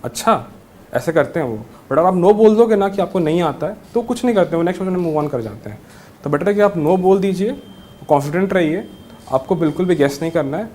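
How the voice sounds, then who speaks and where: A young man talks through interview tips in a relaxed, reassuring way, slipping English words into his Hindi. His voice sits a little high for a man. A faint background noise runs under the recording. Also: fast. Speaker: interview guest, newly selected civil judge. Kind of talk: casual interview advice.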